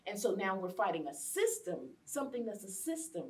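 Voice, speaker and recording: An educator from Los Angeles in her late fifties speaks as a guest on a panel, impassioned and emphatic, repeating phrases for effect. Her medium-pitched voice swings widely in pitch and runs a little fast. The recording is rough, with the mic at a distance.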